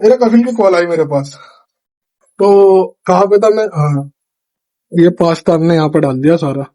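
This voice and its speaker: Young Indian man, high voice, chatty storyteller vlogging from his kitchen at night. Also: moderate pace. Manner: chatty, animated retelling with quoted dialogue. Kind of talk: casual storytelling vlog.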